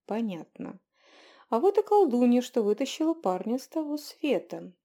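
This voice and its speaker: Lady doing a no-nonsense witch healer, dry humor, warm voice, audiobook. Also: fairly high pitch, big pitch swings. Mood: brisk. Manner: brisk, wry, commanding. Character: brisk, good-humoured healer witch woman.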